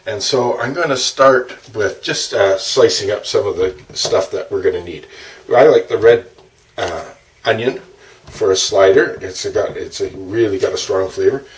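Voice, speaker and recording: A man hosting a low-budget cooking show, talking through each step of a recipe in a relaxed, chatty way while he cooks in his kitchen. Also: normal speed. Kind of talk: casual cooking demonstration. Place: home kitchen. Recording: distant mic with kitchen noise.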